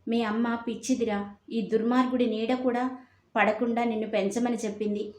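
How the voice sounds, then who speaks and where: A woman's voice: fairly high pitch, flat delivery, normal speed, darkish tone, roomy sound, natural voice. A woman voicing a grieving elderly grandfather who pleads tearfully with his grandson. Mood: pleading.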